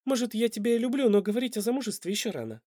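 A man's voice: very high-pitched, expressive, racing, dark tone, dry recording, clean studio sound, pitched above the performer's own voice. A man voicing a spirited, stubborn young woman who answers with indignant, ironic retorts in an audiobook. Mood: startled.

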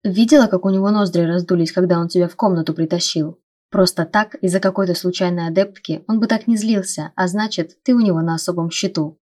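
A woman reading the part of the heroine's bossy, brisk young twin sister, who gives orders and grumbles. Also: on the low side, steady tone, warm tone, lightly acted. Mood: persuasive. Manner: commanding and grumbling.

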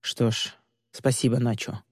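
A man voicing a hot-tempered, commanding man who barks orders and often shouts. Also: medium pitch, steady tone, moderate pace, dry recording, clean studio sound, long reverb tail, natural voice. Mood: gruff. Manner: barking and bossy, shouting often.

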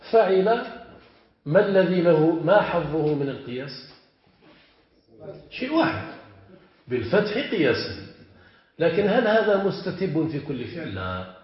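Man teaching grammar in an echoing room. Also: a little high. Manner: explains step by step, quizzes students with quick checks. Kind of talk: classical Arabic grammar lesson. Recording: echoey, dull lo-fi lecture recording.

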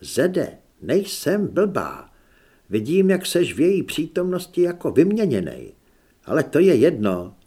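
A male audiobook reader voicing a tough, sharp-tongued young woman who scolds bluntly in a slightly raised voice. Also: a little high, wildly swooping pitch, breathy edge, heavily acted. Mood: scolding.

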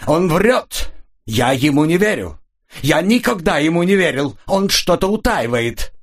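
A man voicing a furious, hot-headed Polish man who shouts accusations in a raised voice. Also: a little high, sing-song, a little slow, voice pushed up.

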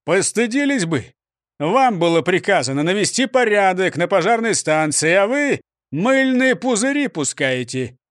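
A man's voice: sits high, sing-song, normal speed, dry recording, clean studio sound. A man doing a bossy, scolding police chief. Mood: stern. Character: stern pompous male prosecutor and police chief. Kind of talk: storybook reading.

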